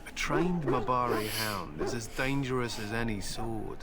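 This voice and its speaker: In voiced game dialogue, an actor plays a stern male human warrior, a grim hunter with war hounds, speaking proudly of battle and his dogs in a solemn, curt way. His voice is medium-pitched and a little slow, lightly acted, over a loud crowd and loud game music.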